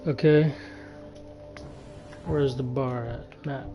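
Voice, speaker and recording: A man's voice: medium pitch, steady tone, very slow, muffled recording, soft background music. A man giving casual commentary as he plays a video game. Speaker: gamer.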